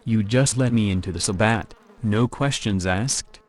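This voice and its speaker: A man's voice: on the low side, unhurried, natural voice. A synthetic text-to-speech man's voice playing a blunt, sardonic vampire recruit in video game dialogue. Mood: dry.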